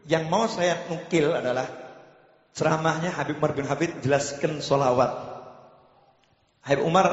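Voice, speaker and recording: Higher-voiced man exhorting in a hall. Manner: exhorting, pushes his voice up high and loud. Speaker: preacher. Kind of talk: sermon at a prayer gathering. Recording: echoey hall, dull sound.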